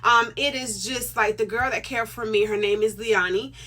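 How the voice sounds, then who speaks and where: A middle-aged woman talks straight to her viewers in a casual vlog. Her voice is bright and forward. She is emphatic and chatty, often repeating a point to drive it home. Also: fairly high pitch, moderate pace. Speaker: vlogger.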